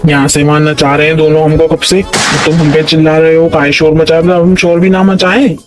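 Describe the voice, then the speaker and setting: A man's voice: fairly high pitch, flat delivery, fairly quick, close to an everyday voice. A man voicing a short-tempered male job applicant in a cartoon, scolding in an indignant rant. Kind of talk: cartoon dialogue. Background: music.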